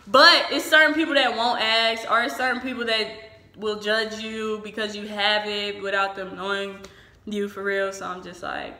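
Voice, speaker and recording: A woman's voice: medium pitch, little pitch movement, normal speed, bright, forceful tone. A woman chatting informally and frankly, giving casual advice as a vlogger. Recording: echoey room.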